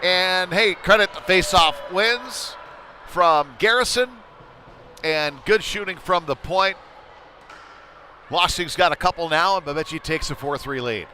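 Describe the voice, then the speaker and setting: A man calls live youth ice hockey play-by-play in an indoor arena, his high voice pushed and bright at a measured pace. His style is conversational and folksy, with casual asides between plays. The arena is noisy, full of clattering ambience.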